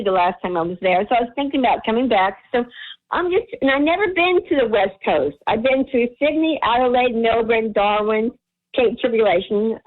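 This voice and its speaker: A woman caller from the United States chatting casually on radio in a slightly harsh voice, rambling and dramatically quoting herself. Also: fairly high pitch. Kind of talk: casual chat. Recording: tinny phone line on radio.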